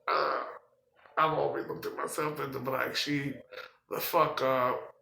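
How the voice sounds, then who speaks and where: Slow gravelly man. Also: mid-range voice, little pitch movement, sharp tone, roomy sound, a little hiss or hum, rough recording. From Philadelphia, US. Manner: halting and profane, many fillers. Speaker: person telling his life story. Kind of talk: personal storytelling.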